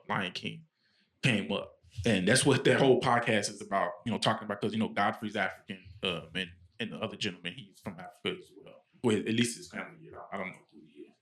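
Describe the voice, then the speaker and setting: A man's voice: fairly low pitch, a bit bright. A man co-hosting a podcast, telling a story in a rambling, casual way with many fillers and restarts. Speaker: podcast co-host.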